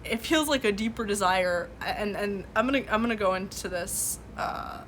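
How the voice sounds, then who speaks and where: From a home room with boxes in the background, a Farsi-speaking woman hosts a live stream of casual political commentary, reading and responding to chat. At a moderate pace her mid-range voice sounds a bit bright, with a little hiss or hum, and she often uses fillers and restarts her sentences.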